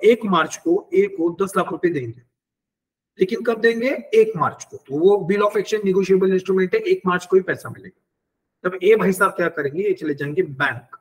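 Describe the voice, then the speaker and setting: Husky high-voiced man teaching banking. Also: low-quality recording. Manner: explains step by step with worked examples, mixing English terms; checks in with the class often. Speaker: banking exam lecturer. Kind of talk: online lecture.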